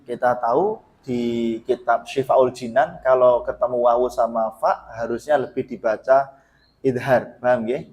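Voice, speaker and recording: A man with a Javanese accent teaching Quran recitation in a mosque, correcting pronunciation and chanting verses slowly for others to repeat. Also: mid-range voice, a little mellow.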